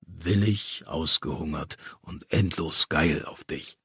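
A man's voice: a bass voice, slow, creaky, bright, forceful tone, husky, dry recording, clean studio sound, voice pushed down, exaggerated voice. A man voicing a cheeky, crude young man who mocks his friend in an audiobook. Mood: teasing. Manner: mocking, cheeky.

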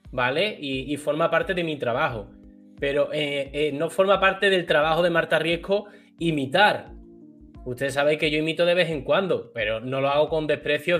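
A man from Andalusia with an Andalusian accent, hosting a casual live chat and explaining his view earnestly at length. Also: medium pitch. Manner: earnest, explains at length, does brief impressions. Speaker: host.

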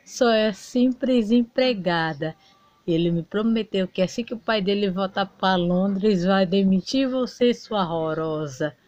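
A woman's voice: medium pitch, measured pace, darkish tone, dry recording, muffled recording, natural voice. A woman voicing a spiteful, snobbish young rich fiancée who taunts the maid. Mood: taunting. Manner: taunting, mocking.

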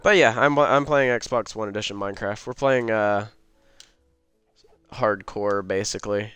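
Man, low voice, sick gargling gravel, drowsy, blunt bantering, casual game streamer. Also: unhurried, a bit bright, no echo, soft background music. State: drowsy from pain medication. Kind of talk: casual gameplay chat.

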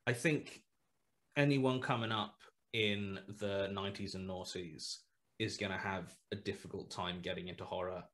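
A low-voiced man, a horror podcast writer appearing as a guest, rambles at a moderate pace through a casual video call interview, restarting often and tossing in animated asides. He's in a small room at home, speaking into a headset mic.

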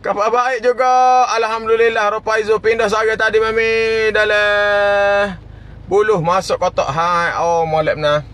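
A man's voice: sits high, flat delivery, unhurried, fairly bright tone. A man hosting a casual live stream, greeting viewers by name and chuckling often.

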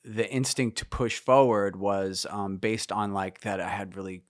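A man in his fifties thinks aloud as a podcast guest, circling his ideas with fillers and restarts. His voice sits a little low. The recording is dry and close. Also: steady tone, measured pace, no room sound. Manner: reflective and meandering, many fillers and restarts. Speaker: guest musician. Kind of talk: casual interview conversation.

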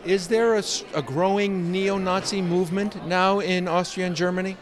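A man interviewing a guest at an event, halting, repeating words with many fillers. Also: sits high, steady tone, noisy background. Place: crowded indoor event.

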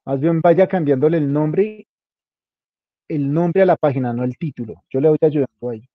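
A man's voice: a little high, normal speed, dry recording, phone-quality sound. A man, coaching a student step by step in an informal, casual way and spelling out small details. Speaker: instructor. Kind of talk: guiding a student through a web page setup.

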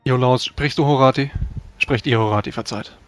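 A man plays in a tabletop role-playing game, switching between table talk and orders in character. He is brisk and commanding, with a mid-pitched voice and faint music behind. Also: fairly bright tone, no echo.

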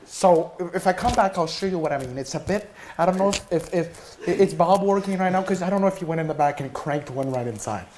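Stammering young man with a higher voice. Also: a little fast, background noise. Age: 20s. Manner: hesitant, stammering, repetitive. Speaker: prank caller. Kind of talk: prank phone call posing as a complaining customer. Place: small indoor office room.

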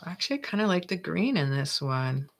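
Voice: medium pitch, very animated, brisk. A crafting channel host from Canada, narrating casually and playfully while working, often talking to themselves. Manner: chatty, talks to self while working; playful, jokey.

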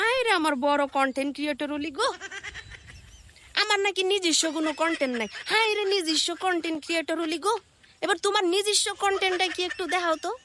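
A woman's voice: very high-pitched, sharp tone, slight background noise. A woman with a colloquial Bangladeshi accent, ranting sarcastically in a scolding reaction video, recorded on a phone. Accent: Bangladeshi colloquial Bengali. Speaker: content creator.

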